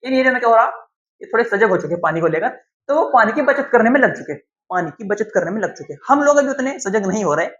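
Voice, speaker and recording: Male teacher, from uttar pradesh india, classroom lecture, repeats key terms, asks and answers own questions, higher voice. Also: lively intonation, quick pace, a bit bright. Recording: dull lo-fi sound.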